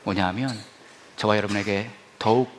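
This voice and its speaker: A man's voice: lowish voice, steady tone, normal speed, a little hiss or hum. A man in his forties preaching a sermon, telling a personal story animatedly and acting out his own reactions. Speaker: pastor.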